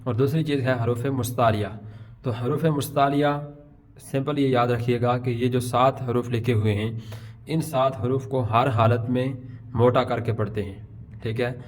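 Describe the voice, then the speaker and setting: A middle-aged man teaches letter sounds to beginners at an ordinary mid pitch. He explains patiently and slowly stretches each example letter so learners can copy it. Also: steady tone. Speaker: Quran pronunciation teacher. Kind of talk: Urdu alphabet lesson.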